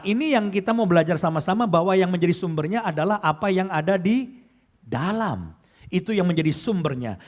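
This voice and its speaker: A male pastor preaching a sermon, often putting questions to the congregation and calling them brothers and sisters, slowing down on key phrases. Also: high-pitched.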